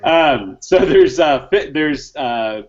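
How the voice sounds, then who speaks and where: A man's voice: on the high side, animated, slow pace, dull audio. A man giving a remote startup tech talk over a video call whose audio breaks up as the stream quality drops, speaking hesitantly with many fillers. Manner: hesitant, full of fillers and restarts. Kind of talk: remote presentation.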